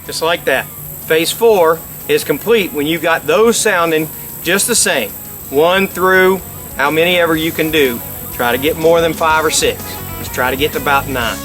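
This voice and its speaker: A man's voice: fairly high pitch, moderate pace, fairly bright tone, soft background music. A middle-aged man giving an instructional how-to demonstration outdoors, explaining with emphatic repetition. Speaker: instructor, game call company presenter. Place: outdoors by a lake.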